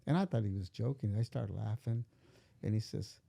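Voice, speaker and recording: A man's voice: on the low side, normal speed, gravelly, dark tone. An older man telling a long personal story in a casual interview, rambling and acting out the voices in it. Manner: rambling, acts out quoted dialogue. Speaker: father being interviewed.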